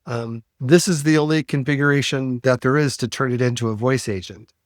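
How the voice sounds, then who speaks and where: A man's voice: mid-range voice, steady tone, brisk, no echo. Guy walking thru a tech demo, lots of um, dry mic. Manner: explanatory, many fillers. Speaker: podcast host. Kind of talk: casual technical demo.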